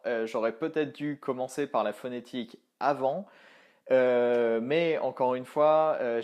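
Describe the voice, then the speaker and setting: Young man, language coach, chatty video lesson, many fillers and restarts. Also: medium pitch. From France. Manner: animated, thinking aloud with many fillers and restarts. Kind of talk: casual online video lesson.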